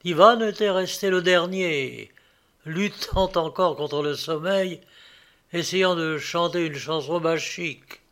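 A man narrating an audiobook in a steady, measured storytelling manner. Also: fairly high pitch. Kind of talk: audiobook reading.

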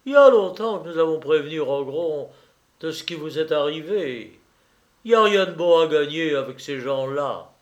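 Imagine a man playing a cunning small-town lawyer in a classic audiobook. He speaks up loud and persuasive, with an edge of malice. The voice stays close to the reader's own, a bit higher. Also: expressive, moderate pace, lightly acted. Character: scheming middle-aged provincial lawyer, sly.

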